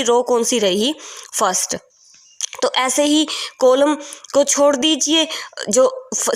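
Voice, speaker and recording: Woman maths teacher, fairly high voice, goes over each step again and quizzes the class. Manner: explains step by step, repeating points and asking the class questions. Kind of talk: classroom lesson explanation.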